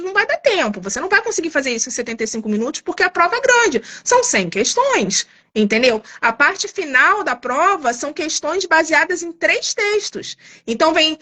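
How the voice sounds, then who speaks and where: A woman's voice: high voice, pushed and bright. A woman guest on a live stream, explaining an exam in a chatty way, often tagging her sentences with little questions. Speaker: guest, TOEIC course creator.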